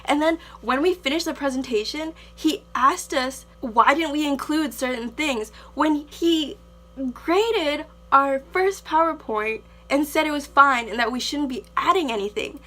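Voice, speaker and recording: A woman's voice: high-pitched, unhurried, bright, forceful tone. A young American woman in a casual, exasperated rant to camera, talking emphatically and peppering her sentences with "like". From United States. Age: young adult. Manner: exasperated, emphatic, conversational with frequent 'like'. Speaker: vlogger, exchange student.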